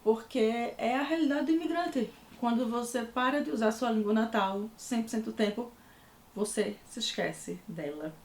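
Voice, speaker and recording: A young adult woman from Recife, Pernambuco, Brazil, chats casually in a book review vlog with a Recife Pernambuco Portuguese accent. Her voice is on the high side at a moderate pace, chatty and full of fillers. The room is echoey, with slight background noise.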